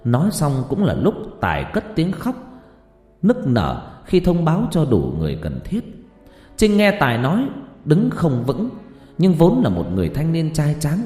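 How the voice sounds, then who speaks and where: A man narrating a ghost story in a dramatic, expressive storytelling manner. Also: mid-range voice. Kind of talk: scripted narration. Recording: roomy reverb with music.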